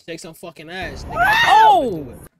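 Talking fast in a very high voice with wildly swooping pitch, a man in his 20s teases strangers over a headset as an Omegle video chat host. His casual banter is brash and full of slang, and heavy background noise fills the recording. He's in a small dim room glowing with colored lights.

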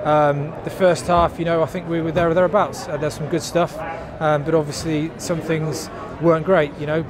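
A man in his thirties, a club captain, speaks in a slightly raised voice with plenty of ums as he reflects on a match. He is recorded outdoors in a stadium stand, and a crowd murmurs clearly behind him. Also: fairly high pitch, level tone. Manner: measured, thoughtful, lots of fillers. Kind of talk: post-match interview.

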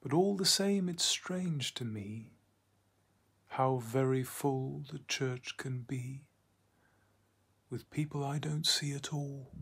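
A man reading verse in a breathy, husky voice, often dropping to a near whisper. He takes it very slowly, leaving long pauses between lines. His pitch sits in the middle of the range. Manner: hushed, half-whispered delivery; slow, deliberate phrasing with long pauses. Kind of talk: poetry recitation.

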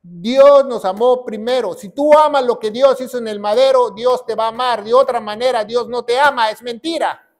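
A man preaching a sermon as a pastor. He asks questions, answers them himself, repeats key phrases and rises to shouts. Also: extremely high pitch, moderate pace.

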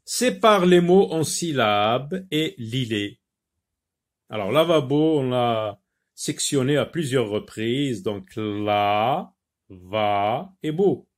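A man teaching French phonics, repeating each word slowly with many hesitations. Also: mid-range voice, animated. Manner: slow, repeats words, many filler hesitations. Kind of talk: slow phonics lesson.

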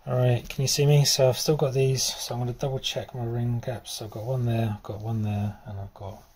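A middle-aged man talking casually while he rebuilds a car engine outdoors, thinking aloud with pauses and fillers. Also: medium pitch, little pitch movement, a little mellow, slight background noise. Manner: thinking aloud, stop-start explaining with fillers. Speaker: DIY car mechanic. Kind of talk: casual workshop explanation. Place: outdoor driveway.

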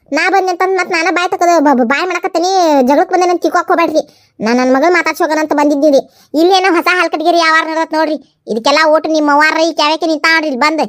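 A woman voicing a fierce, rough-spoken village mother in a comedy skit, with a North Karnataka Kannada accent. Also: high voice, no room sound, clean studio sound, lightly acted. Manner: gruff, accusing, rough-spoken.

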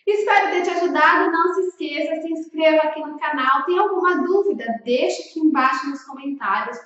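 A Brazilian food-service consultant and video host speaks in a high, slightly bright voice at a somewhat quick pace, making an instructional vlog for restaurant owners. Her delivery is emphatic and didactic, full of rhetorical questions. She sits in a small room with a bookshelf behind a large pop-filtered microphone, yet the echoey space makes the sound distant and a little dull.

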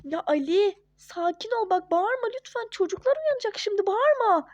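A woman voicing a young wife and mother in a home-made toy-game role-play, scolding and hushing her husband. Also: extremely high pitch, lively intonation, normal speed, dull audio, pitched above the performer's own voice. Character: young wife and mother, hurt but firm and sensible.

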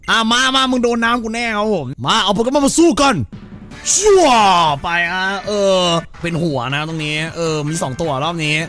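This man streams a game in let's-play style, cracking crude jokes and doing silly voices for the characters. His voice is high and sharp in tone.

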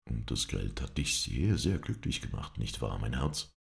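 A man reading an audiobook voices a mocking man who speaks softly in a poisonously sweet tone. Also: very deep voice, very animated, moderate pace, vocal fry, pitched below the performer's own voice, exaggerated voice.

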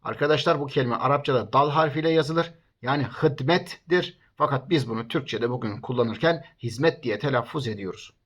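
Man slowly reading out word lists. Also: medium pitch, fairly bright tone, highs cut off. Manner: reads word lists slowly, one word at a time; addresses listeners as friends. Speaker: teacher. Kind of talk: recorded language lesson.

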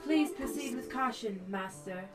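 A woman voicing a calm female sword spirit guide, reading on-screen game text aloud in a formal, even manner over loud game music. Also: a little high, unhurried, natural voice.

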